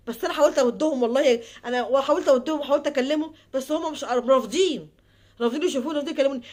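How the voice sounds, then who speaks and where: Egyptian woman, high-pitched, rapid, pleading, repetitive, soft trailing murmurs, vlog advice. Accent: Egyptian Arabic. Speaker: advice vlogger. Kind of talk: heartfelt personal monologue and advice.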